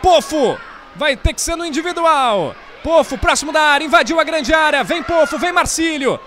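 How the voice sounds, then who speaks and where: Explosive, shouting Brazilian male goal commentator. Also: very high-pitched. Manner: excited shouting with drawn-out goal calls and catchphrases. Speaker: football commentator. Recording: crowd and stadium noise behind. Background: football crowd.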